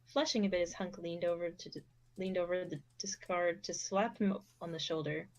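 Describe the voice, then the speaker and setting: A young woman reads the narration of an amateur fan fiction, keeping a steady pace and expressive phrasing. Her voice sits a little low for a woman. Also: normal speed. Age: young adult.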